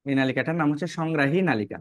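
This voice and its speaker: A man's voice: on the high side, fast, a bit bright, no room sound. Man teaching biology, dry close mic. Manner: repetitive, checks in with "কেমন?" and rhetorical questions. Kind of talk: online lesson, explaining while drawing.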